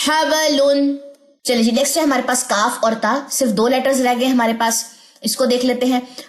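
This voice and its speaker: A woman teaching a recitation lesson, drilling sounds slowly syllable by syllable and often checking in with her students. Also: fairly high pitch. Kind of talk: tajweed lesson. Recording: echoey room.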